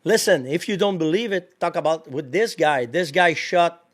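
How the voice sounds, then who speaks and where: A man with a French accent, a native French speaker, talking as a podcast guest in an animated way, laughing often and searching for English words. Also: a little high, normal speed. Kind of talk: casual interview.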